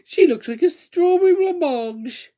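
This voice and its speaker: A woman's voice: low voice, moderate pace, a little mellow, breathy edge, voice pushed down. A woman voicing a mean, mocking little girl in a storybook reading. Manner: sly, mocking.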